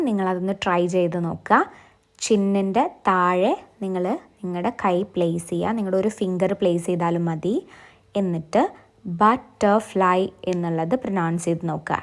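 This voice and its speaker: A woman with a Malayali accent giving a step-by-step exam-prep lesson, asking viewers to try along. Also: lowish voice. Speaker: English teacher.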